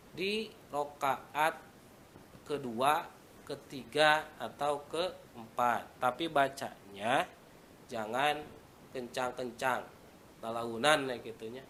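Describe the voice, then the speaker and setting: A man's voice: on the high side, a bit bright, a little hiss or hum. A man with a Sundanese accent giving a casual religious lesson, talking conversationally and reciting Arabic phrases. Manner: conversational, mixing in local words and Arabic recitation. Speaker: Islamic religious teacher.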